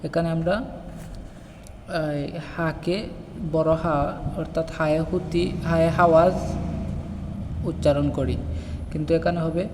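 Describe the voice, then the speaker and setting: A man teaching Quran recitation, explaining pronunciation and slowly chanting the verses in a drawn-out melodic style. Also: on the high side, little pitch movement, noisy background. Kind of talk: explaining recitation mistakes in Bengali. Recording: long reverb and faint music.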